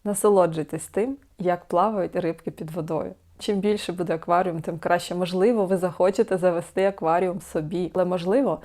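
A woman talking to camera in a self-help video, calm and coaching, asking the listener many questions. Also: on the low side, fairly quick, hardly any pauses. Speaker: support group host.

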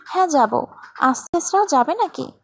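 A woman's voice: high-pitched, animated, normal speed, vocal fry. A woman reading a story voices a playful, teasing young man in a story.

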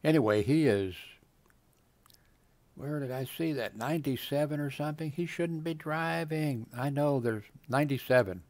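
With a fairly high-pitched, slightly mellow voice, a man in his seventies reads web pages aloud at his home computer for a video blog, at a normal speed. He meanders off into casual asides full of fillers that trail off, and there is no echo.

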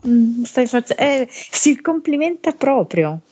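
A woman with a northern Italian accent, channeling slowly and hesitantly during a hypnosis session. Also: high-pitched, very animated, dark tone, a little hiss or hum. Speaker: hypnosis medium.

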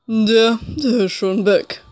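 A woman's voice: on the high side, steady tone, slow, darkish tone, pitched below the performer's own voice. A woman voicing a creepy male partridge school doctor from a video game, polite, curt and faintly menacing. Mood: cool menace. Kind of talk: video game character voice in a let's play.

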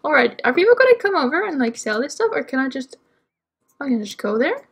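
A woman's voice: high-pitched, very animated, brisk, creaky, fairly bright tone. A young woman casually chatting through her game as she plays, rambling and talking to herself with lots of ums. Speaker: let's play gamer. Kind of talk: casual gameplay commentary.

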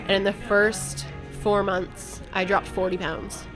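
A woman's voice: medium pitch, steady tone, slow, music in the background. A woman guest on a podcast, telling a personal story in a candid, blunt way and swearing casually. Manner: candid, blunt, speaks her mind.

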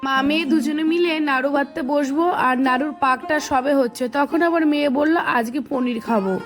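A middle-aged woman with a hoarse voice, chatting to viewers in a casual home vlog. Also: sits high, fairly even intonation, a little fast, music in the background. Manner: chatty, addresses viewers directly. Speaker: vlogger. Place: family home, in and out of doors.

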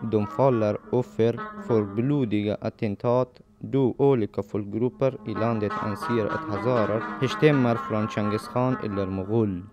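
A man reading a scripted documentary voice-over in an earnest, measured way, slowing down to stress key points. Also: medium pitch, dull audio. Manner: earnest, measured reading with slow deliberate emphasis. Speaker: documentary narrator.

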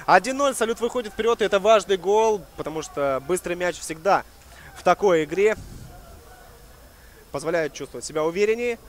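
A man's voice: sits high, fairly quick, pauses often, slight background noise. A man giving live football commentary as a match commentator.

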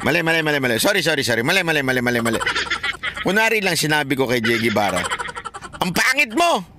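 A man's voice: mid-range voice, animated, rapid-fire. A man hosting a comedic commentary show, joking, laughing often and throwing rhetorical questions at his audience. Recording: noisy background.

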